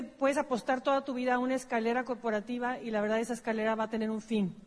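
A woman with a Mexican accent presenting a business seminar, telling her story casually with self-corrections. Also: a little high. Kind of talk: personal storytelling on stage. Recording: long hall reverb.

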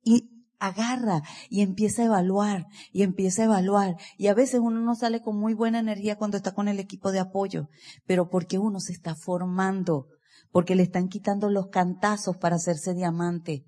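A woman giving an energetic motivational speech to a live seminar audience, asking listeners direct questions. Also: medium pitch, fairly quick, big-room sound. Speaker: motivational speaker at a business seminar.

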